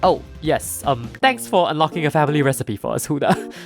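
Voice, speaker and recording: Lively teasing woman narrating a game. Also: low voice, moderate pace, soft background music. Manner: animated, laughs often, teasing asides. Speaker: let's play narrator. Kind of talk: playful game commentary.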